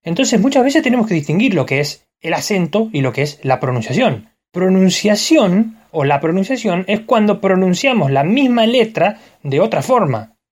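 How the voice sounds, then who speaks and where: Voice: mid-range voice, big pitch swings, normal speed, few pauses, darkish tone. A speaker with an Argentine accent, explaining things casually to viewers and calling them friends. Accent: Argentine Spanish. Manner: explanatory, addresses listeners as friends. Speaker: vlogger musing on language. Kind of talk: casual spoken reflection.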